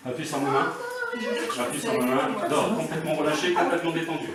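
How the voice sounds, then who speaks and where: A man working as a stage hypnotist, giving calm, repeated commands and suggestions. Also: on the high side, a little fast, over a noisy crowd. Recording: roomy echo, distant mic, loud background noise.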